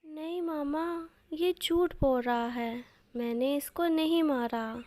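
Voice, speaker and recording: A woman's voice: sits high, slow, mellow, no room sound. A woman voicing a young boy animal in a cartoon story, childlike and complaining. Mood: whiny.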